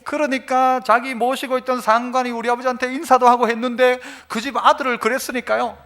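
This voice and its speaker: High-pitched, bright-voiced pastor. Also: male voice, flat delivery, a little fast. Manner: storytelling, acts out voices, swings from soft to loud. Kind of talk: sermon.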